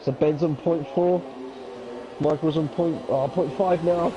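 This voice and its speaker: A man doing live commentary on an online racing league, excitable, his voice jumping up whenever something happens on track. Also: fairly high pitch, measured pace. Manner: excitable, voice jumps up at incidents. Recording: dull lo-fi sound with game noise behind. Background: racing game engine noise.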